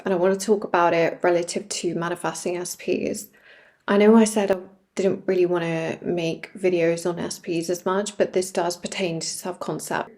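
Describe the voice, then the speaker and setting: A woman giving informal, direct advice to viewers, emphatic and fond of rhetorical questions, recorded in an echoey room at home. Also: medium pitch. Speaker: video creator giving self-development advice.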